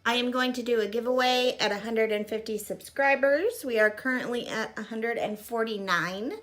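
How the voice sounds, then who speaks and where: Faint music plays behind a mid-thirties makeup vlogger whose fairly high, fairly bright voice moves at a moderate pace. She chats through a casual tutorial with self-deprecating asides, sitting before a gray curtain in a small room with a fixed camera at arm's length.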